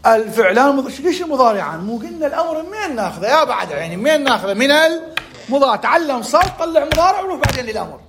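A man with an Iraqi Arabic accent leads a conversational grammar lesson in a fairly high voice. He talks fast and keeps throwing rhetorical questions at his students. A faint hiss of noise sits under the recording. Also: big pitch swings.

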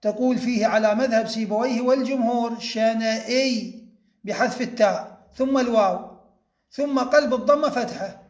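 A man teaching a grammar lesson, explaining step by step, repeating key points and slowing down to spell out each example. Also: very high voice, echoey room.

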